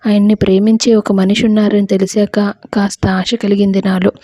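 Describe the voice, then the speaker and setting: A gentle, resigned young wife facing her own death, as a woman storyteller puts her on. The tone is mellow and soft, with a breathy edge. The sound is close and dry, as in a storybook audio reading. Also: mid-range voice, little pitch movement, a little fast, dry recording, close to an everyday voice. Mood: sorrowful.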